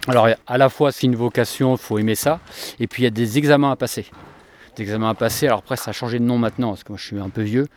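A man in his forties, a basketball coach, giving measured, explanatory answers in an interview. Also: mid-range voice, fairly even intonation.

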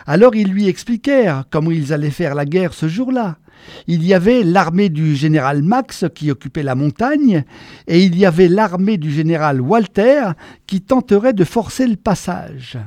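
A man reading a story aloud in a measured, expressive storytelling manner. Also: sits high, no room sound, studio quality. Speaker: narrator.

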